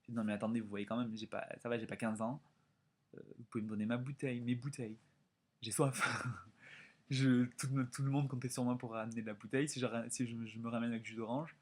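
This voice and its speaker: A young man in his twenties from France telling a story in a casual vlog, animated and chatty with lots of quoted dialogue. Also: medium pitch, brisk. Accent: French. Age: 20s. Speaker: vlogger.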